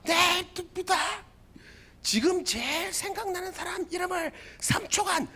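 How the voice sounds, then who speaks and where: A man acting out a harsh male Marine drill instructor who barks sharp, shouted commands in a much higher voice. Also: a little slow, exaggerated voice. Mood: barking. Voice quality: sharp barked orders.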